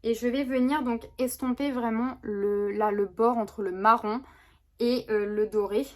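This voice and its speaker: A woman's voice: a little high, steady tone, measured pace, a little mellow. Chatty woman explaining a makeup look. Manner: chatty, rambling with many fillers and restarts. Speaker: beauty vlogger. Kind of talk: makeup tutorial chat. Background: neighbor's lawnmower.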